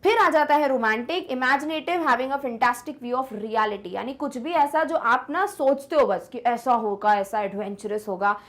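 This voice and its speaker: Brief: young female tutor, high-pitched, patient classroom explainer, often asks "clear?". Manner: switches between slow English reading and fast Hindi explanation; asks checking questions like "clear?". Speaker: teacher. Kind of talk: Hindi-medium English lesson, explaining text.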